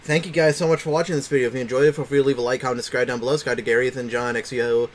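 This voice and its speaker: A man hosting a reaction video, talking in an easygoing, agreeable way and running through quick plugs at the close. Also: medium pitch, fairly even intonation, a little hiss or hum. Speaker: host of a reaction channel. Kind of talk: casual chat and channel sign-off.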